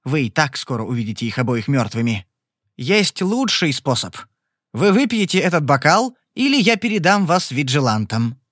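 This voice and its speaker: A man voicing a charming young gambler in an audiobook, smooth and mocking. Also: a little high, very animated, moderate pace, fairly bright tone, no echo, clean studio sound. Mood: cool. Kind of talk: audiobook character voice.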